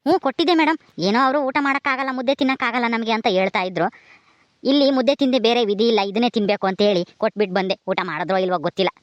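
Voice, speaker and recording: A woman's voice: fairly high pitch, rapid-fire, dull audio, close to an everyday voice. A woman playing a dutiful, gossipy police constable reporting to his superior. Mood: deferential. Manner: deferential, gossipy.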